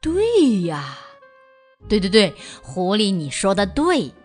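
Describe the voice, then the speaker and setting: A woman's voice: mid-range voice, huge pitch swings, slow, faint music behind, voice pushed down, full character voice. A woman voicing a big boastful male tiger with a toothache, whining and groaning, in a children's storybook reading.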